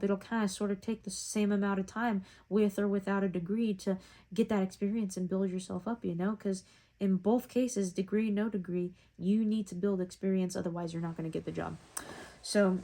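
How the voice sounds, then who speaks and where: A woman's voice: medium pitch, fairly even intonation, brisk, dark tone. A young woman, about to turn twenty-one, talking into her phone in a casual, rambling vlog, reflective and full of fillers. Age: young adult. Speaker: vlogger.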